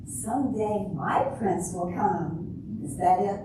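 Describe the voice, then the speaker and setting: An older woman at a retirement community event gives an amateur stage reading as a jaded grown-up Cinderella, disillusioned with romance, delivering her lines in a dry, sardonic, wry and bitter way. Her mid-range voice is slow and close to everyday speech. The room is very echoey, and the distant mic picks up hissy noise.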